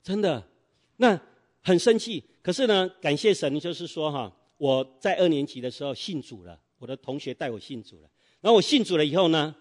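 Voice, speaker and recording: A man preaching animated sermon. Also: on the high side, a little fast. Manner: animated, quizzes the congregation with fill-in questions. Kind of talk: sermon storytelling.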